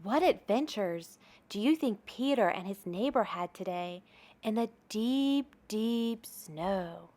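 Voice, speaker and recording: A storytime host reads aloud to young children, her mid-range voice expressive as she draws out key words and asks her listeners questions. She takes her time.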